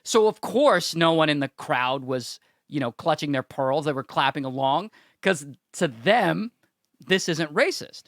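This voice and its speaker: A man's voice: a little high, normal speed, a bit bright, dry recording. A man from the United States co-hosting a casual podcast, talking with dry, joking asides. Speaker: podcast co-host.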